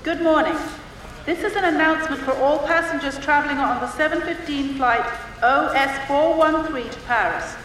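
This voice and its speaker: A woman reading formal airport announcements clearly, as in a scripted listening exercise. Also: sits high, normal speed, a bit bright, slight background noise. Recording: echoey public-address sound from a distance.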